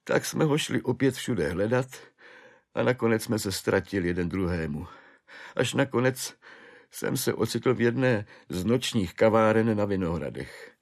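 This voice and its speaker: A man's voice: fairly low pitch, expressive, voice pushed up. A man voicing a despairing middle-aged clerk and father, who pleads and wails in self-pity. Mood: rambling confession. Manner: wailing, pleading, self-pitying.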